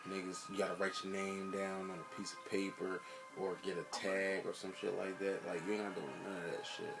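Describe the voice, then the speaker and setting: A man's voice: low voice, level tone, a little fast, gravelly, music in the background. An American man in a casual rant to camera, blunt and emphatic, swearing heavily and repeating himself for emphasis. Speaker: sneaker vlogger.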